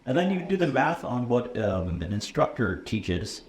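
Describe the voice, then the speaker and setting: Speaking at normal speed with a medium pitch and big pitch swings, this American man in his thirties teaches computer science. He's from the USA, English is his first language, and he chats casually in a relaxed interview, sprinkling in ums, uhs and frequent "okay?". Faint room noise and a roomy echo fill the recording.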